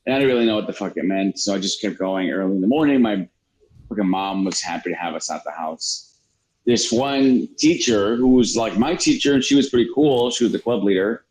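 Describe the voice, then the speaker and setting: A man's voice: on the low side, fairly quick, a little mellow, a little hiss or hum, low-quality recording. A man telling a childhood story in casual, profane podcast chat. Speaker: podcast guest.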